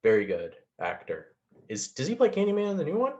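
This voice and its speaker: A man's voice: a little high, huge pitch swings, a little fast, darkish tone. A man casually recapping a movie plot with lots of fillers and laughs. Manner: rambling, many fillers and laughs. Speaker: podcast co-host. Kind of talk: casual chat about a film. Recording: dull lo-fi sound.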